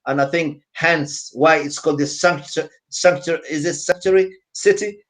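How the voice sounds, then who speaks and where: A man's voice: fairly high pitch, steady tone, normal speed. A man from Somalia, speaking earnestly on a panel over a video call and repeating his key phrases. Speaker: community centre representative. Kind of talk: panel discussion.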